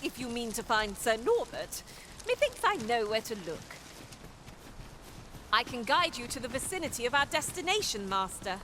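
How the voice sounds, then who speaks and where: A woman's voice: on the high side, big pitch swings, normal speed, sharp tone, a little hiss or hum. A woman playing a deferential, helpful mage companion in a fantasy video game, speaking in mock archaic phrases.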